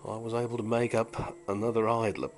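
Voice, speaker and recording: A middle-aged British man, a hobbyist who repairs vintage audio gear, presents a demonstration while chatting and rambling casually in a dry, wry, musing way. His fairly low voice is level in tone and fairly quick, with slight background noise.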